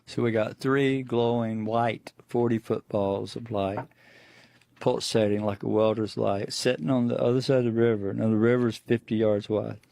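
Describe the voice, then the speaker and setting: A man's voice: fairly low pitch, fairly even intonation, moderate pace, creaky, warm tone, dry recording. A middle-aged man, a guest on the show, recounting a personal encounter in plainspoken storytelling full of restarts. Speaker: eyewitness guest.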